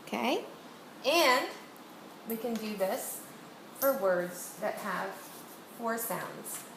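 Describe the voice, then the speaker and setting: Echoey teacher woman, slow deliberate. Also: a little high, expressive, a bit bright. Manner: slow, deliberate modeling of each word. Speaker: reading teacher. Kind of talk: instructional demonstration with a student. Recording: echoey room with faint noise.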